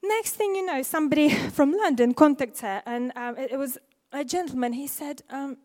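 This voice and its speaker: A woman preacher with a high voice, reading scripture and then sliding into chatty testimony. She talks loosely, with fillers and restarts, in a church setting. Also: normal speed, a little mellow. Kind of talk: sermon with personal testimony.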